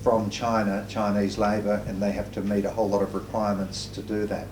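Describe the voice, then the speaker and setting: A man speaking as a stockbroker in a formal business interview, measured and restarting his phrases. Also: fairly low pitch, little pitch movement. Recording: echoey, distant, noisy room.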